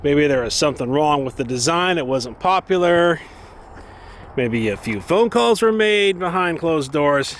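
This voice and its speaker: A vlogger who used to make knives online tells a story in a casual, rambling, conversational way while walking his dogs in an urban area. His voice is fairly high, animated and unhurried. Outdoor ambience and faint traffic and vehicle noise sit in the background.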